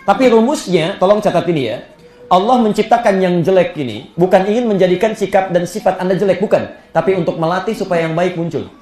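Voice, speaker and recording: A man gives an animated Islamic sermon, his fairly high voice jumping upward for emphasis and falling soft in the storytelling. He is heard in a roomy, echoing hall. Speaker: preacher. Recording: echoey hall.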